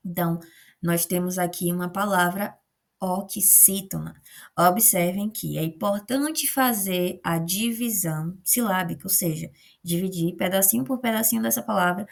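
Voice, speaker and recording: A woman's voice: mid-range voice, creaky. A woman with a Brazilian Portuguese accent, teaching a remote lesson as a teacher, explaining patiently step by step and often checking in with short tag questions.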